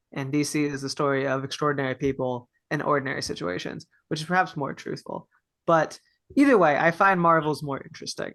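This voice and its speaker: A man's voice: fairly high pitch, a bit bright, dry recording. Reflective young man from Texas. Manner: reflective, earnest answers with fillers. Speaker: podcast guest. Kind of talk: casual interview chat.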